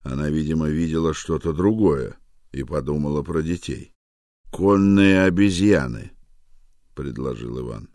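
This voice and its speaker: A man narrating an audiobook with an even, measured delivery. His voice is very low and deep. The recording is close and dry, with no room sound. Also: no echo. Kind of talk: scripted narration.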